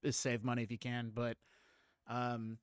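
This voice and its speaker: A man's voice: mid-range voice, monotone, unhurried, smooth, no room sound, clean studio sound. A man in his late thirties hosting a casual livestream chat, rambling, laughing often and greeting viewers. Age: 30s. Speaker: streamer host.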